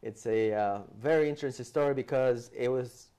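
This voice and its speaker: A man in his forties from El Salvador, a guest in a studio interview, telling his story with lively hand gestures and frequent restarts, on a lapel mic. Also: medium pitch, brisk, clean tone. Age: 40s. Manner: animated, gestures with hands, many restarts. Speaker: guest speaker. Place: TV studio set, seated in armchair.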